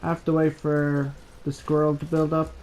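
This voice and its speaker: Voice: medium pitch, little pitch movement, normal speed, darkish tone, poor audio. A gamer giving casual let's-play commentary while playing. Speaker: gameplay commentator. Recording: game noise and ambience behind.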